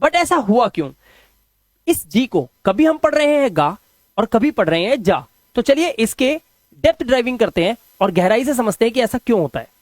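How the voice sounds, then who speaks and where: A man's voice: extremely high pitch, sing-song, moderate pace, no echo. A man teaching English pronunciation rules in Hindi, patiently spelling out words letter by letter.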